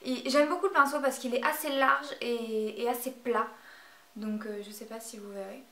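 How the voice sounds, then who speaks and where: A beauty vlogger's voice, a little high and a bit bright, comes at a moderate pace with a steady tone. She reviews products casually but hesitantly, using lots of fillers, and she sounds distant in an echoing room.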